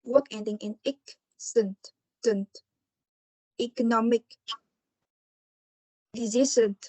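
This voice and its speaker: A woman student presenting on word stress, reading examples slowly, one word at a time. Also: on the high side, steady tone, darkish tone, no echo, rough recording.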